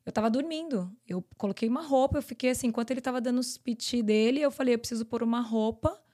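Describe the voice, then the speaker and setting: A Brazilian woman, a podcast guest, telling her personal story in an earnest, rapid flow. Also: fairly high pitch, mellow. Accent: Brazilian Portuguese. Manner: earnest, tells events in long rapid runs.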